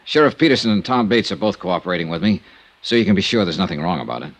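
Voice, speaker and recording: A male actor voices a shrewd, polite American insurance investigator, giving first-person narration for a 1950s radio detective drama, heard in a vintage recording with music. He speaks fast in a low voice with lively intonation and no room sound, his delivery smooth, probing, and clipped in hard-boiled fashion.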